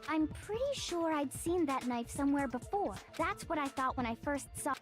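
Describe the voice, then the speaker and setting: Earnest high-voiced teenage girl. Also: animated, normal speed. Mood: earnest, worried. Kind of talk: anime video game voice acting. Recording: game music behind voice.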